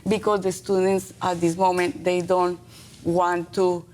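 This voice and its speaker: A woman's voice: fairly low pitch, little pitch movement, a little mellow, slight background noise. Earnest middle-aged woman, Colombian accent. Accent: Colombian Spanish. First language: Spanish. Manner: halting, earnest non-native English with short emphatic phrases. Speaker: teacher being interviewed. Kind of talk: interview answers.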